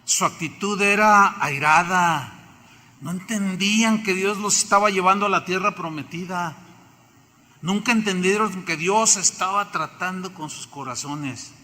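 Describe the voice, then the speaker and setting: A man's voice: high-pitched, unhurried, bright, forceful tone. A man with a Mexican accent preaching a sermon in a church, emphatic and full of rhetorical questions to the congregation. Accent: Mexican Spanish. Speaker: pastor. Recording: reverberant church hall.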